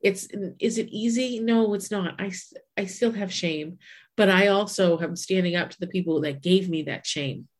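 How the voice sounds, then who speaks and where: Woman, 40s, low-ish voice, earnest reflective chat co-host. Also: moderate pace. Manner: earnest, reflective, many restarts. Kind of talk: casual chat.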